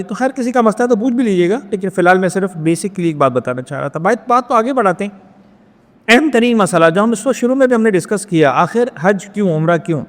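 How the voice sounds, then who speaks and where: A male cleric teaching a Hajj training class, explaining step by step, mixing in English words and checking that each point is clear. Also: high voice, big-room sound. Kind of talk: religious training lecture.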